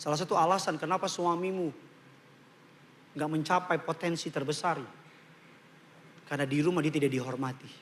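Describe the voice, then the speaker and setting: Bright-voiced, lively preaching man. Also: on the high side, normal speed, pauses often, slight background noise. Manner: humorous, animated preaching with English phrases mixed in. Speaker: pastor. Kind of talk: sermon. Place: church before a congregation.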